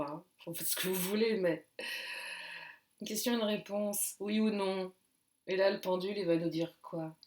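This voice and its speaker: A woman doing casual card and pendulum readings. She talks in a jokey, rambling way and often laughs at her own asides. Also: mid-range voice. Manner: loose and rambling, with many fillers. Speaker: intuitive card and pendulum reader. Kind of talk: casual chatty guidance video.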